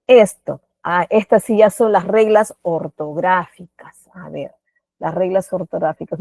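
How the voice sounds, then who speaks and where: A woman's voice: mid-range voice, creaky, mellow, dry recording. A Peruvian woman teaching an online class, patient, often asking the class questions and adding tag questions. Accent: Peruvian Spanish. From Peru. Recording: dry, phone-like audio.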